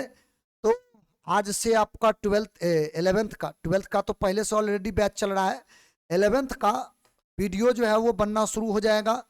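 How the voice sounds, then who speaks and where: Man teaching with a smooth, clear voice. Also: high-pitched. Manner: patient, repeats questions to students. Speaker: physics teacher. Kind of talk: classroom lecture.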